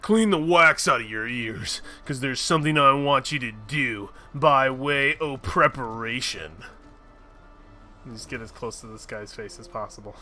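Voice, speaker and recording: A man streams a fantasy game, his mid-range voice pushed and bright. He chats casually, cracks jokes, swears, and reads quest lines out loud as gameplay commentary.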